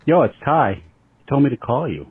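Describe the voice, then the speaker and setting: A man's voice: medium pitch, sing-song, fairly quick, breathy edge, no echo. A man leaving a casual, offhand voicemail over a landline phone, sighing in mock loneliness. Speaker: voicemail caller. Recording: tinny phone line with faint hiss.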